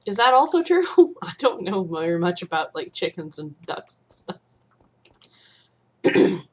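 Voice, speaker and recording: A woman's voice: lowish voice, sing-song, measured pace, a little mellow. A young woman from the Midwest streaming a game, rambling and swearing freely. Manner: rambling, swears freely, sudden panicked outbursts. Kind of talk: casual gaming stream chat.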